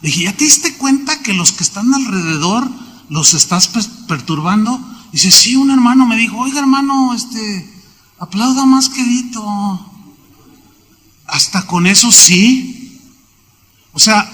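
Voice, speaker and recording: A man with a Mexican Spanish accent preaching a sermon as pastor, telling lively stories and acting out the people in them, with sudden shouts. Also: sits high, measured pace. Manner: animated storytelling, voices quoted people, sudden shouts. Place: church sanctuary. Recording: long hall reverb.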